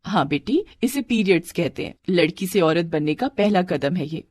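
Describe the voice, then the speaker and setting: Brief: a loving mother, read by a woman, calm, reassuring, steady middle pitch, dry close sound. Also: normal speed, no room sound. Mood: tender.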